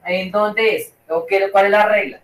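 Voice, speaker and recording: Slow-talking teacher in an echoey room. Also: mid-range voice, fairly even intonation, fairly bright tone, far from the mic. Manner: repeats and checks with "¿cierto?" and "¿listo?". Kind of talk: online class.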